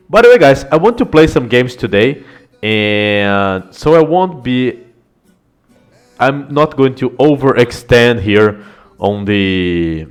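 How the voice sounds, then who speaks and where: A man streaming live game analysis, chatting with viewers, swearing often and laughing a lot. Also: lowish voice.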